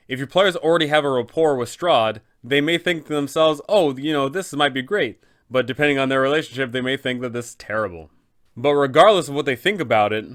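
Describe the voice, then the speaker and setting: Offering game-master tips in a relaxed tabletop guide, the host talks conversationally and poses rhetorical questions. He has a mid-range male voice that is clean and fairly bright.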